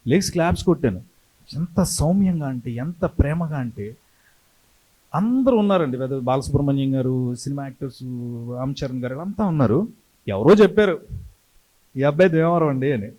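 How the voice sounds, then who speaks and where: A middle-aged man tells stories to his hometown crowd in a slightly raised voice. He talks with lively energy and slips into the voices of the people he quotes. His tone is that of a practiced TV anchor. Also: fairly high pitch, normal speed, long pauses. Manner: animated, acts out quoted voices. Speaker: TV anchor and creative director telling stories. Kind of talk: storytelling speech to a hometown audience.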